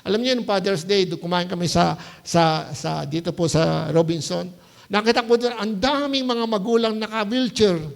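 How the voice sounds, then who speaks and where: A male pastor preaches to his congregation in a loose, conversational way, slipping English words into his Tagalog and often stopping to ask "Hello?" His voice sits high for a man. It has a noticeable gravelly rasp. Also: moderate pace. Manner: keeps asking the congregation "Hello?" to check they follow. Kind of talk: sermon. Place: church service.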